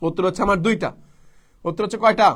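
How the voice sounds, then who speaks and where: A man's voice: high-pitched, rapid-fire, a bit bright. A man teaching a live online admission-test class, asking questions and answering them himself over and over. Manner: repetitive call-and-response teaching, asks and answers himself.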